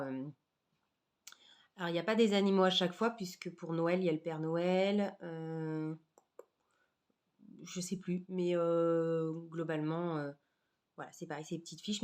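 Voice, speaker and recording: A woman hosting an embroidery vlog, chatting casually with many fillers and often sinking to a soft murmur. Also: fairly low pitch. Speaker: Flosstube host showing embroidery projects. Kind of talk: casual chat.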